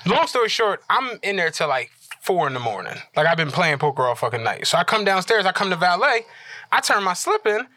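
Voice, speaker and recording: Man, quick animated storyteller, high bright voice, dry close sound. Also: no echo. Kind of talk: casual storytelling chat.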